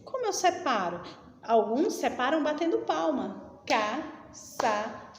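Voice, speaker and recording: A woman's voice: a little high, lively intonation, slow pace, a little mellow. A woman, a schoolteacher giving a recorded lesson to children, explaining patiently and checking in with questions. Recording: roomy echo with long reverb and faint noise.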